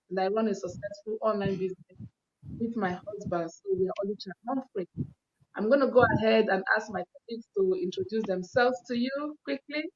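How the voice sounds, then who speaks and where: A woman's voice: mid-range voice, darkish tone. A woman hosting an online panel, introducing guests in an upbeat, encouraging way. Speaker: host. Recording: dull, lo-fi sound.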